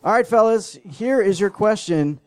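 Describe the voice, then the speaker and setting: A man's voice: sits high, expressive, moderate pace, crowd noise. A man hosting a live comedy debate show, joking and teasing the contestants and audience.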